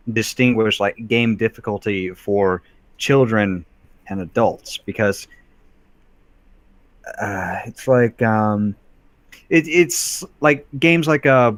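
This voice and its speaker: A man's voice: lowish voice, no room sound. A young man co-hosting a game playthrough, rambling through points with many fillers and repeated phrases. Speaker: co-host of let's play. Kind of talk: casual let's play banter.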